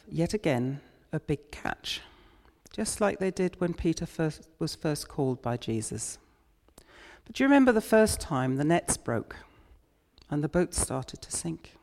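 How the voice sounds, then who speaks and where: Slow, measured male preacher in reverb. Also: a little high, very animated, vocal fry, darkish tone. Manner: unhurried, reflective retelling of scripture. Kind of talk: sermon. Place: church. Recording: long church reverb.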